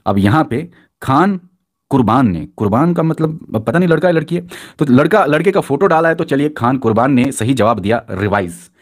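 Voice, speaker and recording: A man teaching a live online quiz class, reading out student answers and cheering them on with repeated praise. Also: medium pitch. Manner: energetic, encouraging, repeats praise.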